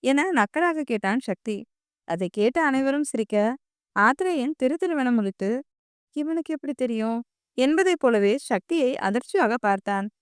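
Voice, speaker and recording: Woman storyteller, scripted narration, steady, fairly high, clear, dry. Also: normal speed, no room sound. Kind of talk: scripted audio-novel narration.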